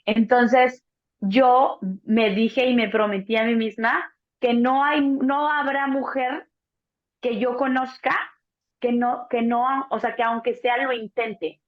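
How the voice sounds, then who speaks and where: A Mexican woman in her thirties, a doula, telling a birth story in a relaxed chat, acting out the voices of the people in it and swearing casually. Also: on the high side, slow pace. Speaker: doula, co-host. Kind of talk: casual conversation. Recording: dull lo-fi sound.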